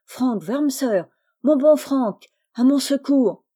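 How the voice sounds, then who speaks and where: Storybook role: trapped woodcutter, woman reading, loud, pleading, warm tone. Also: fairly high pitch, unhurried. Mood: desperate shouting. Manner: shouting for help, pleading then scheming. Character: desperate grown man, a trapped woodcutter.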